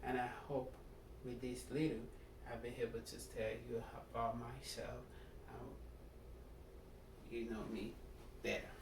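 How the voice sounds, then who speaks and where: A middle-aged man with a Nigerian accent giving a prepared self-introduction speech as a student, earnest and deliberate, speaking in short phrases. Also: mid-range voice, flat delivery, gravelly. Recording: echoey room, distant mic, background noise.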